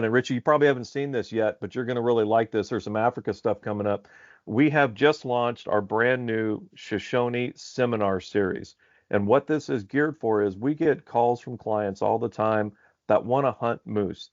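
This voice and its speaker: A man's voice: medium pitch, no room sound. Upbeat lo-fi podcast host, a man. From Alaska. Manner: upbeat, rambling with fillers. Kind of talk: casual podcast interview. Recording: slightly dull lo-fi audio.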